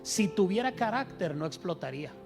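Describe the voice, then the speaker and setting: A man's voice: high-pitched, animated, a little fast, over music. A man preaching a sermon as pastor, telling stories and asking his congregation rhetorical questions.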